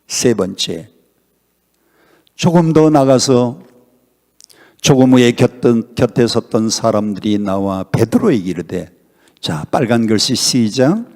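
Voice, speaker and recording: An older man from Honam, South Korea, serves as guest pastor at a revival meeting, firing emphatic questions at the congregation in an animated, slow, somewhat mellow medium-pitched voice with frequent pauses. The church hall gives a long reverb.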